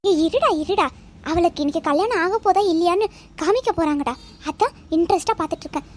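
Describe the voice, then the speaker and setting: A woman's voice: very high-pitched, lively intonation, quick pace. Woman voicing a stubborn cartoon mother. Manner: defiant, whining, scolding. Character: stubborn middle-aged mother who loves sweets. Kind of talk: cartoon voice acting.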